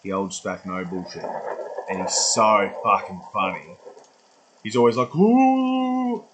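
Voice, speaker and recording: A man's voice: low voice, fairly even intonation, a little slow, sharp tone, slight background noise, low-quality recording. A man in his twenties rambling through a casual vlog monologue, swearing freely and losing his track. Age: 20s. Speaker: vlogger.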